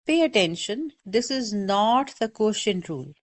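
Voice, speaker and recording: In a recorded calculus lecture, a woman math teacher walks through each step in a medium-pitched, sing-song, unhurried voice. She is patient, repeats her warnings, and keeps checking in with "okay?"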